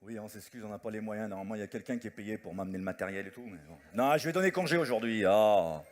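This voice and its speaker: On stage before a live audience, a man does musical stand-up comedy, singing parody songs and chatting with the crowd in French with Italian words mixed in. His voice is fairly low, with lively intonation and a fast pace, and the live recording has loud guitar accompaniment.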